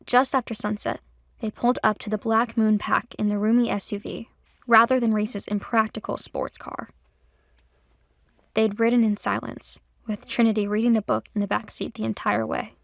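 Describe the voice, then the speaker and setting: A woman narrating an audio drama and voicing its female lead, expressive and heated in the dialogue. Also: fairly high pitch, normal speed, creaky, dry recording, studio quality.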